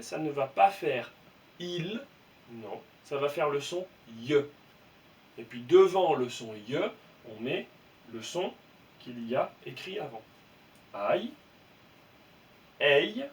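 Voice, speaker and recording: A man teaching young children to read, slightly high-voiced and very slow, spelling out each letter and sound with patient care. He sounds a little back from the mic, with a faint room hum behind him. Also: darkish tone. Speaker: primary school teacher. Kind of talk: reading lesson for young children. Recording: voice from some distance, faint room noise.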